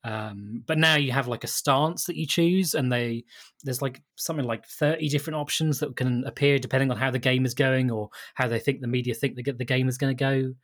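A man's voice: mid-range voice, steady tone, a little fast. A man from England chatting casually on a podcast, rambling with lots of fillers and frequent laughs. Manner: rambling, laughs often, many fillers and restarts. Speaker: podcast co-host. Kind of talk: casual chat.

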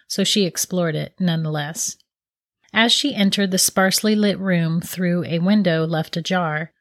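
A woman calmly narrating a scripted fairy tale. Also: lowish voice, no echo, clean studio sound. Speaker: storyteller.

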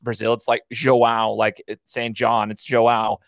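A man's voice: on the low side, monotone, moderate pace, creaky, no room sound, studio quality. A man hosting a casual interview podcast, chatting in an enthusiastic, rambling way. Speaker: podcast host.

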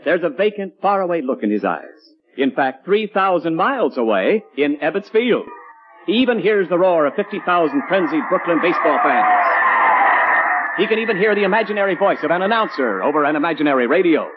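A man's voice: fairly high pitch, big pitch swings, a little fast, very noisy. A man announcing and narrating a 1940s radio show in a polished, theatrical scripted style. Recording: dull old radio recording.

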